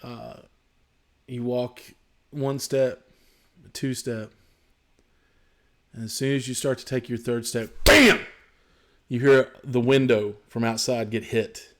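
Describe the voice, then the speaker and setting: A man serving as game master, narrating the scene in an unhurried, descriptive way. His voice sits at an ordinary middle pitch, and he pauses with fillers as he sets each moment. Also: fairly even intonation, darkish tone.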